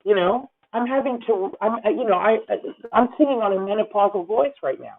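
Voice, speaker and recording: Calling her student honey, this voice teacher in her fifties rambles effusively through a masterclass session over video call, and the audio is tinny. Her medium-pitched voice is lively and fairly quick, with vocal fry.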